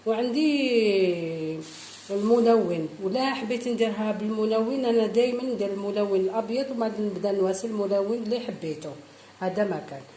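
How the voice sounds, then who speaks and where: A woman's voice: mid-range voice, fairly quick, mellow. Algerian woman teaching a baking recipe. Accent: Algerian Arabic. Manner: talks viewers through each step, repeating instructions. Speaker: baking channel host. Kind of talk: cooking tutorial. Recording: echoey room with faint noise.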